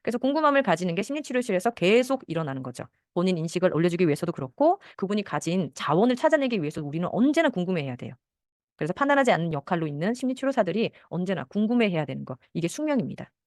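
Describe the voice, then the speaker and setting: A woman's voice: on the low side, sing-song, racing, a little mellow, no echo, clean studio sound. A middle-aged woman counselor giving a talk on how parents should speak with children, acting out short parent and child lines as she goes.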